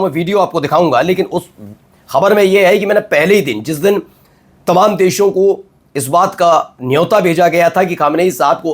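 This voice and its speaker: A man hosting a news commentary show, emphatic and full of rhetorical questions and drawn-out pauses. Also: on the high side. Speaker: news anchor.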